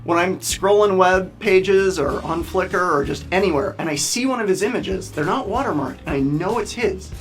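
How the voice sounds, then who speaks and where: A man's voice: sits high, normal speed, few pauses, soft background music. A man, a photographer, talking eagerly and earnestly in an interview confessional.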